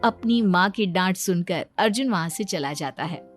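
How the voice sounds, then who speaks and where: A woman's voice: lowish voice, lively intonation, normal speed, over music. A woman narrating a scripted moral story.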